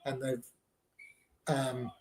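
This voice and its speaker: A man's voice: medium pitch, monotone, very slow, a little mellow, reverberant. A man hosting a live stream, giving casual running commentary on a match and reacting to each play.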